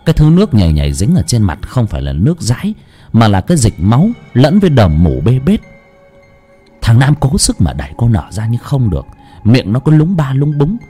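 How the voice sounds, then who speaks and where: A man narrates a village horror tale in a lurid, dramatic manner, speaking fairly quickly. His husky, dark voice swings wildly up and down in pitch, while gentle music plays underneath.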